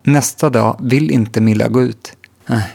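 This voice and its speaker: A man reading a children's book aloud in a calm, even storytelling manner. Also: mid-range voice, vocal fry, slightly rough. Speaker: audiobook narrator.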